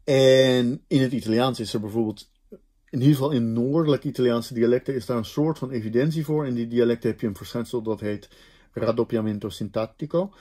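A man's voice: medium pitch, brisk, dark tone. Man lecturing with restarts and fillers. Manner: explanatory, thinking aloud with many fillers and restarts. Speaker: linguistics lecturer. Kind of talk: recorded university lecture.

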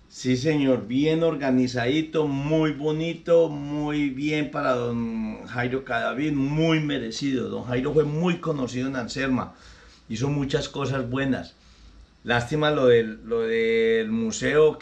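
A man hosting a local show, sending greetings and telling corny jokes he laughs at himself. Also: mid-range voice. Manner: chuckles at his own bad jokes. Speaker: host.

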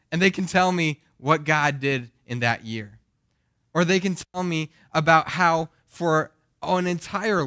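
A young male pastor preaching in an earnest, questioning way, his voice groggy. The tone is bright and forceful, and the sound is close and dry. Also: fairly high pitch, no echo. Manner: earnest, asks the congregation questions. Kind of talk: sermon.

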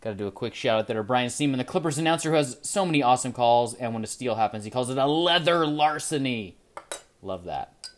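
Hosting a trading card channel, this man opens packs at an indoor desk beside a card display, filmed from above with only his hands visible. He talks fast in a mid-range voice, chatting excitedly before going quiet as he looks over each card.

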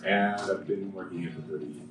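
Male anthropologist, deep voice, distant mic with music. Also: fairly even intonation, fairly quick, heavy reverb. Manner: warm, earnest. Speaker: anthropologist, panelist. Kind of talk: self-introduction at a panel. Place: conference room with audience.

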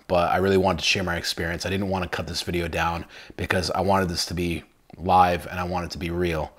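A young adult man hosting a casual cooking vlog from his home kitchen, chatty and enthusiastic with lots of fillers. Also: deep voice. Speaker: cooking channel host.

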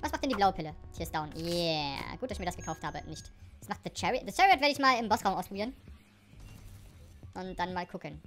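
With faint music in the background, a fast-talking woman YouTuber gives let's play commentary on a game. Excitable by nature, she shrieks when danger hits and then mutters quietly, dropping in English phrases here and there.

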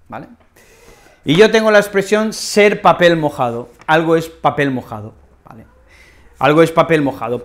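Spanish lady teacher, accent from spain, super expressive, repeats stuff, acts out examples. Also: low-pitched. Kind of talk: teaching a language lesson.

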